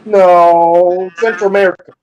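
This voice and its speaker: This man from Houston, Texas, has a high-sitting voice with a steady tone, a measured pace and a slightly mellow quality, though the audio is dull. He's hosting a casual stream chat and quizzing his guests, hesitant and groping for words, with many fillers and restarts.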